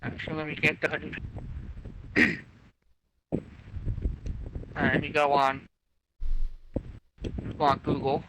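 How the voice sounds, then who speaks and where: A man's voice: on the high side, flat delivery, slow pace, long pauses. Man muttering over a faint hiss. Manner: muttering to himself as he works through menus. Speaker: co-host of a show review. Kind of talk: casual chat while using a game console.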